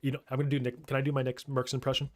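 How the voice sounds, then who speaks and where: A man co-hosts a casual podcast in a voice of ordinary middle pitch. He stammers and restarts his words as he works toward a point. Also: completely flat delivery, racing. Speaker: podcast co-host and streamer.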